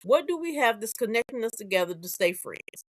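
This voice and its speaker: A woman's voice: a little high, big pitch swings, fairly quick. A middle-aged woman co-hosting a podcast in casual chat, emphatic and pressing her point with repeated questions. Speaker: podcast co-host.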